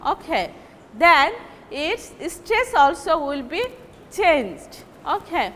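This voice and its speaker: A woman with a Bangladeshi English accent teaching word stress in a measured way, repeating the example words slowly. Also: high voice, sing-song, a bit bright. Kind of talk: classroom lecture on word stress. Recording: reverberant room with faint ambient noise.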